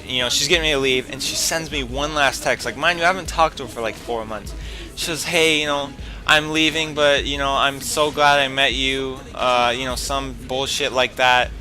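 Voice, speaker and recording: A young man telling a casual storytime with lots of swearing and filler words, animated throughout. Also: mid-range voice. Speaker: vlogger.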